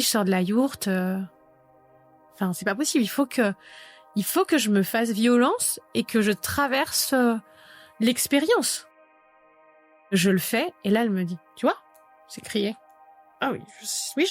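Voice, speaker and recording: Woman in her thirties telling a story. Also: a little high. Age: 30s. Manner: vivid narrator who acts out remembered dialogue. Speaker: podcast guest. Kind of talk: personal storytelling in a podcast interview.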